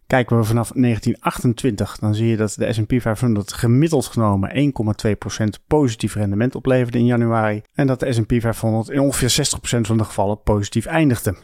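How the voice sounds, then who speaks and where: A man's voice: lowish voice, darkish tone, no room sound, studio quality. A man with a Dutch accent hosting a solo podcast, explaining market statistics in a dryly skeptical, explanatory way. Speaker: podcast host, market commentator.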